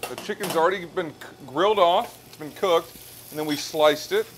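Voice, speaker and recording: Cooking pasta by a hot restaurant stove, a chef in his thirties demonstrates the dish at a moderate pace in a fairly high voice. He calmly explains every step as he goes, with music playing underneath and slight background noise.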